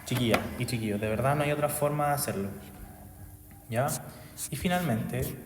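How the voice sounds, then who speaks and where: Teacher in an echoey room. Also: male voice, mid-range voice, moderate pace, background noise. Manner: constant tag questions, patient explaining. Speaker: English teacher. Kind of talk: explanatory class recap video.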